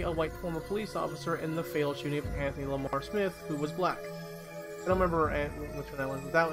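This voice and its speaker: Guy reading news on his stream, slightly high voice, trips on words, swears a lot, music going behind. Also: poor audio. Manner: stumbling over words, blunt and profane asides. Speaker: live streamer. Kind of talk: reading news aloud with commentary.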